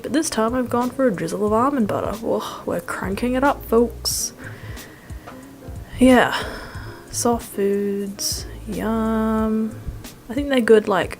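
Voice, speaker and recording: A woman's voice: medium pitch, darkish tone. Wry young woman over music. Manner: rambling, wry, self-deprecating, casual slangy phrasing. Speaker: food vlogger. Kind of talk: casual vlog voice-over.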